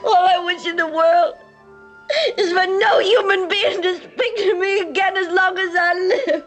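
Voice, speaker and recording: An actress playing a heartbroken adolescent girl who speaks slowly and bitterly through tears, in a 1950s film drama. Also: high-pitched, flat delivery, fairly bright tone, soft background music. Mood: tearful. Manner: slow, tearful and bitter. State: crying.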